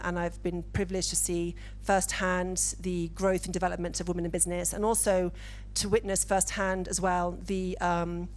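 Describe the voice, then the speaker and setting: A woman from the UK speaking as a panelist, measured and deliberate, on a conference stage with a handheld mic. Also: fairly low pitch. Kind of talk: panel discussion.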